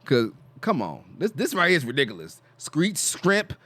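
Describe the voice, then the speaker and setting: A man co-hosting a reaction video, talking in animated slang with laughs in casual commentary. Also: medium pitch, fairly quick, no room sound.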